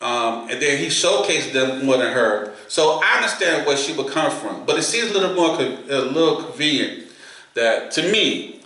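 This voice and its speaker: A man from New York co-hosting a podcast, talking quickly, repeating words and asking pointed questions. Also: medium pitch, expressive, sharp tone, heavy reverb, low-quality recording. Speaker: podcast co-host. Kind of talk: casual chat.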